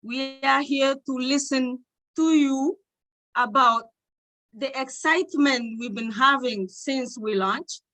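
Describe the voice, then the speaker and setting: High, bright-voiced woman from Togo. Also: low-quality recording. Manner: warm, excited, halting with fillers. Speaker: co-host. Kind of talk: online panel hosting.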